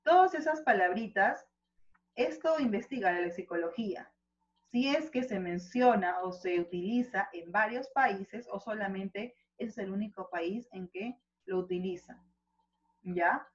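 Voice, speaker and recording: A Peruvian woman with a Peruvian accent, teaching a school lesson and explaining slowly with frequent rhetorical checks. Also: mid-range voice, lively intonation. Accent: Peruvian Spanish. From Peru. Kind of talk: online class lecture. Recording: slightly dull lo-fi audio.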